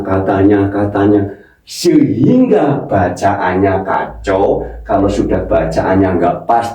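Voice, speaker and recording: A man teaching Quran recitation, slowly repeating syllables and correcting pronunciation. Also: lowish voice, warm tone, heavy reverb, recorded from a distance, rough recording. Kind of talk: recitation lesson.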